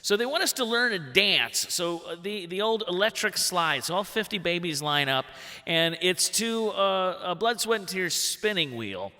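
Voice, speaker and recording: A man in his forties telling a funny true story on stage, in an animated way that jumps into big voices for the quotes. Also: sits high, normal speed. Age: 40s. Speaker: workshop storyteller. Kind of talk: live comic personal storytelling. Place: stage in a theatre hall. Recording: long hall reverb.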